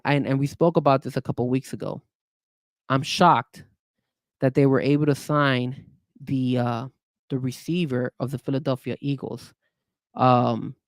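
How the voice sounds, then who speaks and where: A man co-hosting a casual sports podcast, talking in an animated way with frequent restarts and hedges. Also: medium pitch, dry recording. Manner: animated, hedging, many restarts. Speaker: podcast co-host.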